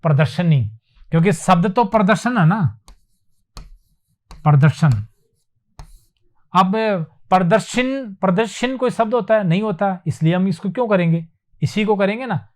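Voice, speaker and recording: High-voiced man teaching at a whiteboard. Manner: repeats words slowly for emphasis, asks and answers himself. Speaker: Hindi teacher. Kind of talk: classroom lecture on spelling. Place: classroom with whiteboard.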